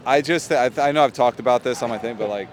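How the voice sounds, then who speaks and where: A man in his thirties giving his opinions in a casual street interview, animated and quick with asides. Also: medium pitch, a crowd in the background. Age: 30s. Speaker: podcast guest. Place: city street outdoors. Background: faint traffic.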